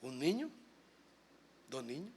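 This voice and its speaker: A man, a pastor, preaching a sermon to his congregation. He swings from soft asides to loud, emphatic bursts and puts questions straight to the listeners. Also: medium pitch, sing-song, slow, gravelly, slightly rough. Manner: addresses the congregation directly with questions. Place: church sanctuary.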